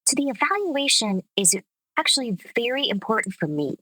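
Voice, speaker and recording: A woman speech coach explaining her methods in a measured, explanatory way during a conversational interview. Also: on the high side, sing-song, bright, forceful tone, no room sound, poor audio. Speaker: speech coach and accent specialist.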